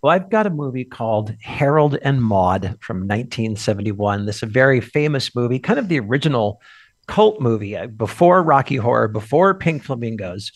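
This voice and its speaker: Measured male film critic. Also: mid-range voice, big pitch swings, dry recording. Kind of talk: radio movie recommendation.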